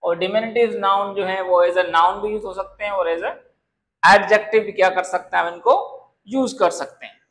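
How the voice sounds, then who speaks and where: Brief: male teacher, high-pitched voice, patient classroom style, keeps checking if students understand. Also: moderate pace, a bit bright, a little hiss or hum. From Pakistan. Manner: calls students "beta", explains with word examples. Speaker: English grammar teacher. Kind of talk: classroom grammar lesson.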